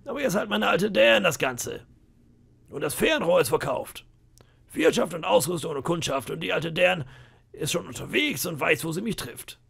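A man voicing a boastful, scheming pirate cook of about fifty, with a gravelly, raspy voice and a sly, bragging manner. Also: high-pitched, lively intonation, normal speed, fairly bright tone, pitched above the performer's own voice, full character voice. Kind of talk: audiobook character voice.

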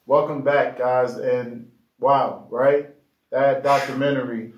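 A male host opening a casual discussion, relaxed and hesitant with fillers. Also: medium pitch, takes it slowly, dull audio. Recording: roomy echo.

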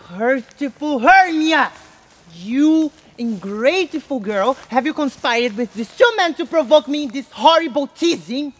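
A woman's voice: high-pitched, expressive. Helena, a wounded jealous young woman. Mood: reproachful. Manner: pleading, reproachful, quick to take offence. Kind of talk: outdoor stage acting. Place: outdoor landscape performance.

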